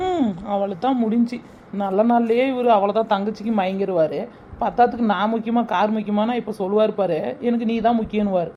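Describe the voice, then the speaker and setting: A woman's voice: medium pitch, steady tone, a little fast, highs cut off, a little hiss or hum, natural voice. A woman playing a clever young daughter-in-law who is sweet to the family and sarcastic in asides.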